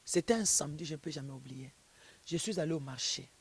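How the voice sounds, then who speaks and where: A woman's voice: sits low, fast, darkish tone, breathy edge, dry recording. A woman pastor being interviewed, preaching and telling stories with emphasis. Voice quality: emphatic, storytelling.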